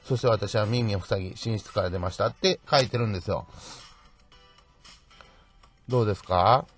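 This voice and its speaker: With soft music in the background, a man hosts a solo true-crime episode in a fairly low voice with a breathy edge, keeping a moderate pace. He chats along, tagging sentences with "ne" and slipping in wry remarks.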